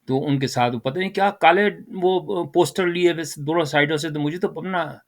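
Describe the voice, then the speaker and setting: An older man giving casual political commentary, animated and rhetorical, addressing his listeners directly. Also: fairly high pitch. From Pakistan.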